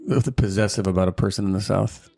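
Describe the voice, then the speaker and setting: A man's voice: fairly low pitch, fairly even intonation, quick pace, vocal fry, a little mellow, no room sound. A man co-hosting a podcast, trading casual banter with dry, needling wit. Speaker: podcast co-host. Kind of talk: casual comedic chat.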